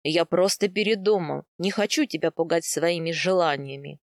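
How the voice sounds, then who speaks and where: A woman reads a storybook part as a playful young husband, his voice pulled low and eager. He teases and pleads by turns in a close, dry sound with no room echo. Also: normal speed, natural voice. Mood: teasing. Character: playful, teasing young husband, a steppe man.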